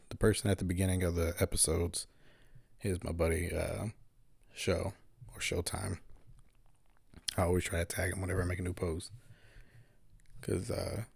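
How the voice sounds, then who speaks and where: A young man with a very low, gravelly and husky voice chats loosely through his solo podcast, swearing and filling gaps with ums. The sound is dry and close. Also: darkish tone, no room sound. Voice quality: deep gravelly voice. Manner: rambling, profane, with many fillers. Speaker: podcast host. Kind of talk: casual solo podcast talk.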